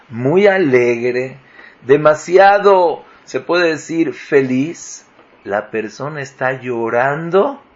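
A man's voice: mid-range voice, muffled recording. A man giving a Torah lesson as a rabbi, posing rhetorical questions and rising with emphasis. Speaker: rabbi teaching.

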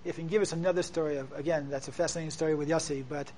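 The voice is a man's, pitched a little high. He speaks as a show host and rabbi, earnest and urging, in short phrases, with faint noise behind him. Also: fairly even intonation, rapid-fire, a little mellow, poor audio. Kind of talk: interviewing and addressing viewers.

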